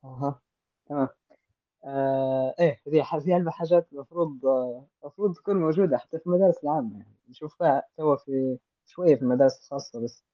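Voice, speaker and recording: Fast-talking Libyan man hosting. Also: medium pitch, no echo, dull audio. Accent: Libyan Arabic. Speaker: host interviewing young guests. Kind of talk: casual interview.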